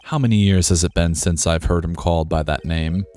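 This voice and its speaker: Man voicing a scornful older prosecutor, haughty, dismissive, deep voice, faint music behind. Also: steady tone, a little fast, mellow, close to an everyday voice. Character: arrogant older male prosecutor, cold and scornful.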